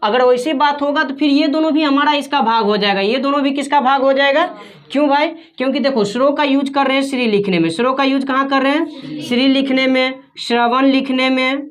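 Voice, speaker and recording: High-voiced woman teaching a class. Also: fairly quick. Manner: asks the class questions and repeats the answers. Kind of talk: classroom grammar lesson.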